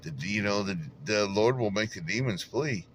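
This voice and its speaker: Guy, low voice, chatty folksy sermon talk, bit of hiss behind. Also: normal speed. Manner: folksy storytelling, laughs at himself, preachy asides. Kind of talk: casual devotional monologue.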